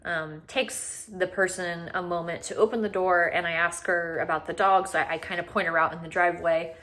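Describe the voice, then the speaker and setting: Woman vlogger, slightly low voice, casual conversational storytelling about rescue work. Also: fairly even intonation, brisk, fairly bright tone. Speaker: dog rescuer narrating her own rescue.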